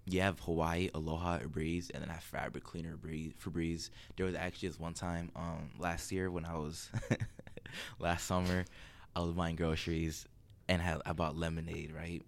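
A man with a very low voice chats on a podcast. His tone is gravelly and easygoing, and he leans on slang. He lets his sentences trail off. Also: flat delivery, normal speed. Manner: laid-back, slangy, trailing off. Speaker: podcast co-host. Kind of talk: casual chat.

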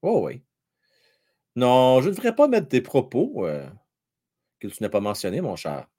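A middle-aged man with a Québécois accent doing live fan commentary on a hockey game, shouting at plays and then dropping to a mutter while chatting with viewers. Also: mid-range voice, huge pitch swings, measured pace, breathy edge. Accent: Québécois French.

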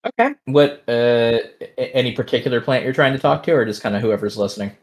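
A man narrating as game master of a tabletop game, relaxed and rambling with fillers. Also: mid-range voice, fast talker.

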